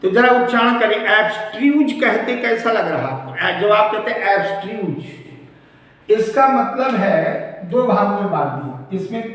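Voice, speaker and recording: A man with a fairly high voice teaches a vocabulary lesson at an unhurried, careful pace, spelling words out one letter at a time. He sounds far from the mic, and a long, roomy echo trails each phrase. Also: animated, a bit bright. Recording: echoey hall, mic far off.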